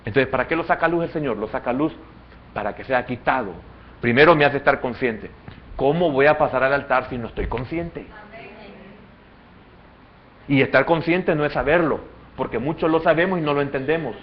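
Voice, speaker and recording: Male pastor, Salvadoran accent, sermon, quiet reasoning swelling into fervor, muffled lo-fi sound. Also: brisk. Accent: Salvadoran Spanish. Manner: swings between quiet, low reasoning and loud, high fervent passages.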